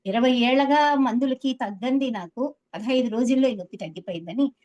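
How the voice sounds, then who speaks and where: A woman's voice: on the high side, a little fast, darkish tone, highs cut off. A woman in her seventies telling a personal story earnestly to an interviewer, acting out the words of others with feeling. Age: 70s. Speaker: meditation teacher.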